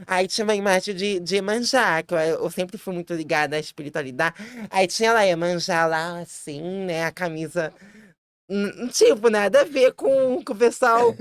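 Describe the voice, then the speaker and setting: A woman chats as a podcast guest and tells her story with lively, laughing energy. She restarts her sentences quickly and jumps into a high voice whenever she quotes someone. Her voice is smooth, and the sound is dry and close with no room in it. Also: no echo. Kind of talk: casual storytelling chat.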